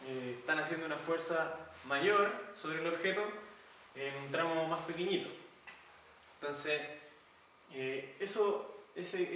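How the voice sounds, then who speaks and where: A man's voice: a little high, pushed and bright. A man explaining physics casually, thinking aloud with fillers and rhetorical questions. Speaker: physics teacher. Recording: very echoey room, mic at a distance, faint noise.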